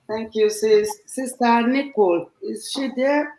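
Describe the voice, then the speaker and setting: A woman's voice: fairly high pitch, a little slow, warm tone, roomy sound, low-quality recording. A woman hosting an online panel and giving an earnest motivational talk, repeating and rephrasing her points. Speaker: host. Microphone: video call.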